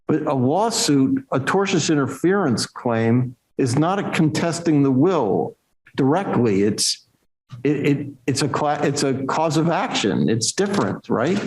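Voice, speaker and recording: A man's voice: on the high side, sing-song, measured pace, darkish tone, low-quality recording. A man speaking as an appellate judge, questioning informally and insistently, with colloquial phrasing and frequent interjections.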